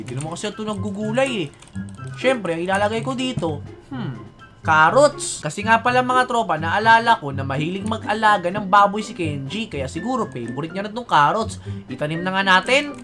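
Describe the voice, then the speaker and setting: A woman narrating a Minecraft role-play, excitable, playful and dramatic. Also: mid-range voice.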